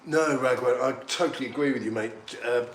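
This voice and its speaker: A man, a little tipsy, giving excitable, rambling banter while streaming a football match. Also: medium pitch, fairly quick. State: slightly tipsy. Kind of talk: casual live match commentary. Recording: echoey room, faint background noise.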